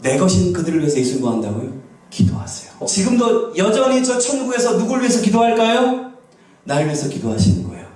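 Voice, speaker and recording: A man's voice: sits high, big pitch swings, brisk. Emphatic male pastor in an echoey hall. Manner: emphatic, swings between hushed asides and loud exclamations. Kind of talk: sermon. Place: church sanctuary. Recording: echoey church hall from a distant mic.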